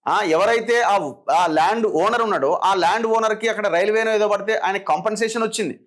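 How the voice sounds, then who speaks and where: A man's voice: high-pitched, fairly quick, a bit bright. A man with a Telangana Telugu accent giving opinionated political commentary, firing sarcastic rhetorical questions.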